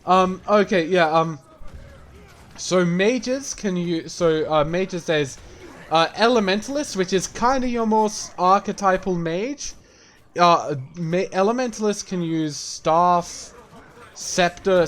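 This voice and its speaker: A man casually explaining a game while playing it, rambling and swearing as he talks. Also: high voice. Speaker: game streamer. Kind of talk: gameplay commentary.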